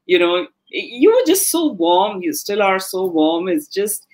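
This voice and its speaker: A woman's voice: mid-range voice, sing-song, a little slow, darkish tone. A woman hosting an online interview forum, gushing and effusive with her guest. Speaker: forum host.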